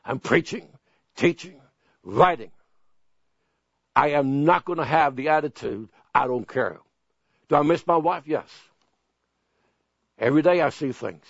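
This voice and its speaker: Older male pastor, earnest pleading sermon delivery, fairly high-pitched, dull dry broadcast sound. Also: animated, dry recording. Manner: earnest, pleading, repeats phrases slowly.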